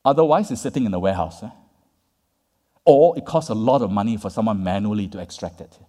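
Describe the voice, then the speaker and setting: A man with a fairly low, warm voice talks fast through his conference lecture. Conversational with the audience, he tags points with "right?" and "yeah?", and the big hall lends a long reverb.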